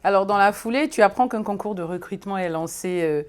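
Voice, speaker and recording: A woman's voice: medium pitch, fast talker. A woman hosting an interview, prompting her guest and summing up his story. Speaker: interview host.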